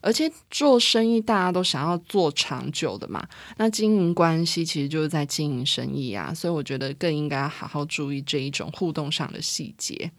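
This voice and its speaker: Low-voiced Taiwanese woman podcasting through a face mask. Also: animated, brisk, hardly any pauses, no echo. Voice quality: slightly muffled, speaking through a face mask. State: a little breathless with audible breathing. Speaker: podcast host. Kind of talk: casual solo podcast monologue. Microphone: close microphone, voice through a face mask.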